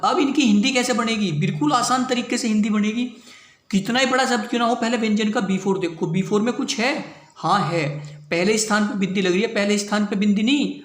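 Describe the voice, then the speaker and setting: A man with a high voice teaches a shorthand lesson, walking through each step and repeatedly asking his students if they follow. The room is echoey. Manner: repetitive, checks understanding with "clear hui bhaiya baat". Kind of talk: classroom lesson.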